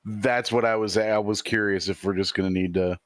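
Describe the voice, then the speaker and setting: A man's voice: lowish voice, fairly even intonation, brisk, dry recording. A man taking part in a tabletop game as a player, thinking aloud with frequent restarts. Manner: musing, full of restarts. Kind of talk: casual play at a tabletop game.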